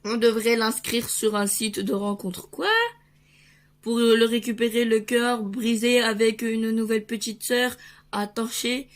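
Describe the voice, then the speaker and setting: A woman reading a comic book aloud at an unhurried pace, switching between the characters and adding playful sound effects. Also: a little high, level tone.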